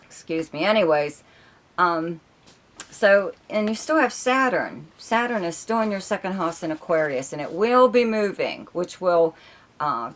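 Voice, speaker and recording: A woman with a low-pitched voice walks through a monthly astrology forecast in a loose, rambling way. She keeps checking in with her listeners with "okay?", and her voice is wearing thin. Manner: rambling, filler-heavy, keeps adding "okay?". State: losing her voice.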